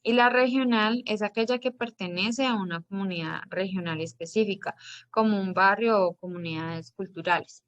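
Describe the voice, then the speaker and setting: A woman teacher explaining language concepts in a measured lecture, with occasional hesitations and restarts. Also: medium pitch, fairly bright tone, dry recording. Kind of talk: classroom lecture.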